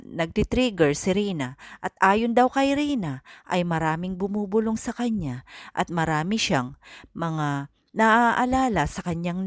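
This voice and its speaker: A Filipino woman hosts a narrated update vlog with a lowish voice. She delivers it like a news report and lifts into excited exclamations. The sound is dry and close. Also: dry recording. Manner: upbeat news-style narration with rising exclamations. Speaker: channel host giving updates.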